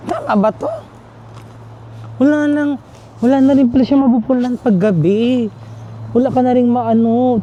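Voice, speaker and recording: A man's voice: extremely high pitch, dark tone, slight background noise. Chatty man vlogging on a night walk. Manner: chatty, exclamatory, joking. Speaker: travel vlogger. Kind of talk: casual walking vlog chat. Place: outdoor streets at night.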